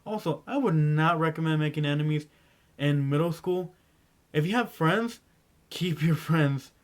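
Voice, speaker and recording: A man's voice: on the high side, unhurried. Rambling teen guy giving school advice. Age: teens. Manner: rambling, stumbling, self-interrupting; frequent throat clearing. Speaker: vlogger. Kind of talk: casual advice vlog.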